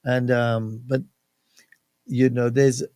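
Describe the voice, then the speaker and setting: A man's voice: medium pitch, little pitch movement, slow, a little mellow, clean tone, no echo. A man from Saint Kitts with a Kittitian accent, speaking emphatically and plainly as a guest in a radio interview. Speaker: guest, national security advisor. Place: radio studio.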